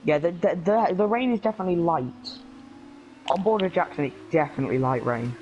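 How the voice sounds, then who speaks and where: A man with a fairly high voice chats through a race as co-commentator, repeating words and trading banter. Faint game noise sits behind him. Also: lively intonation, a little fast, a little mellow, lo-fi sound. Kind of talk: casual live race commentary.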